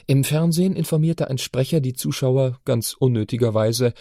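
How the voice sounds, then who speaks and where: A man narrating an audiobook in a measured, storytelling way. His voice is dark and mellow, recorded dry and close with no room sound. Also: medium pitch, no room sound. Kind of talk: scripted narration.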